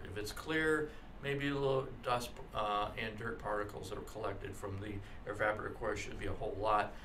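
Bright-voiced, halting car-class instructor. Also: male voice, on the low side, vocal fry, slight background noise. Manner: halting, full of fillers and restarts; frank, adds his own opinions. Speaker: automotive instructor. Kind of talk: slide lecture. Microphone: voice-over for slides.

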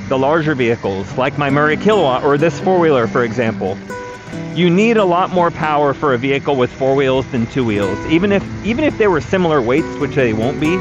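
A man in his thirties giving practical, matter-of-fact advice while riding a four-wheeler outdoors, recorded on an action camera. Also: a little high. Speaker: vlogger, electric vehicle builder. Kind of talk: casual explanatory ride-along talk. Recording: dull lo-fi action camera audio with music underneath. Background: background music.

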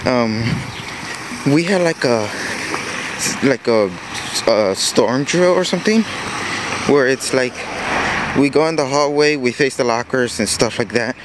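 A man's voice: medium pitch, unhurried, long pauses, background noise. Rambling teenage boy vlogging on the go. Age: teens. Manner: rambling, restarts, casual and self-mocking. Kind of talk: casual daily vlog. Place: outdoors walking in rain, then at home. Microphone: handheld camera.

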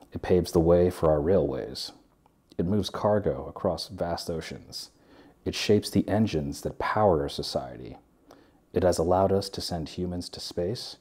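Man in his 30s, low husky voice, measured read essay narration, warm dark tone. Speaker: welder and video essayist. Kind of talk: scripted narration. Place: living room with a sofa.

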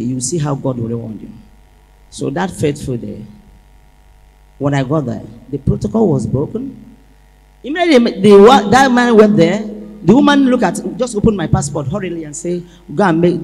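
Woman telling an animated testimony. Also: deep voice, normal speed, gravelly, a little hiss or hum. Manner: animated storytelling, acting out dialogue. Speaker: church member giving testimony. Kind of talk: emotional church testimony. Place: large church hall. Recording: echoey church hall.

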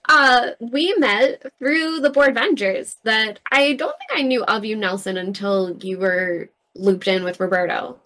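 A woman's voice: a little high, unhurried, few pauses, bright, forceful tone. Chatty woman playing a card game. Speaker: guest player. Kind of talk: casual chat during a tabletop game.

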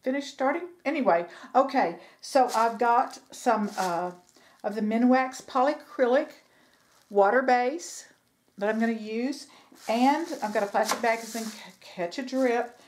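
Recorded on a camera mic in her sewing room with a little hiss or hum, a woman who vlogs DIY furniture talks through a home refinishing project while working. She rambles casually, using fillers and correcting herself, in a fairly high voice at an unhurried pace.

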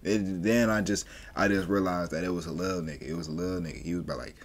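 A man's voice: sits low, fairly even intonation, fast, slight background noise. A man in his twenties giving loose, rambling reaction commentary full of slang. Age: 20s. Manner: laid-back, rambling slang-heavy talk. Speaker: reaction streamer.

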